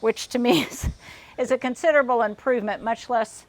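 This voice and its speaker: A woman's voice: on the high side, a little fast. Chatty older woman touring her garden. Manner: chatty, digressive, restarts often. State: slightly out of breath. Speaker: garden vlogger. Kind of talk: casual garden tour. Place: outdoors in a backyard garden.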